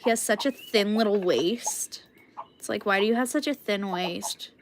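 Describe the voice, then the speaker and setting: A young woman streamer chats casually with her viewers, rambling with plenty of fillers and frequent "like"s while coughing from a cold. Her voice is mid-range at a moderate pace, and there's clicky background noise.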